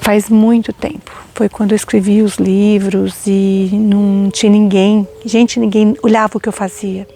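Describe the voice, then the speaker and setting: Gravelly, husky-voiced woman telling a story. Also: medium pitch, flat delivery, moderate pace, hardly any pauses, mellow. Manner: emotional, earnest, addresses listeners directly. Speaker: spiritual teacher. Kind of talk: personal storytelling to an audience.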